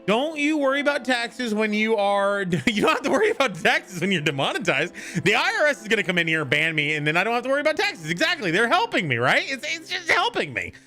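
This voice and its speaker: A man's voice: sits high, quick pace, few pauses, soft background music. A man streaming live, chatting casually and jokily with viewers and greeting them by name. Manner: animated, jokey, greets chat members by name.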